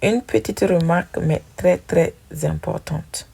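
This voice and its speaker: Slow, gravelly-voiced woman teaching pronunciation. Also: lowish voice, dark tone. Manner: slow, patient, repeating sounds for drilling. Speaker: English teacher. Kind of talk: pronunciation lesson.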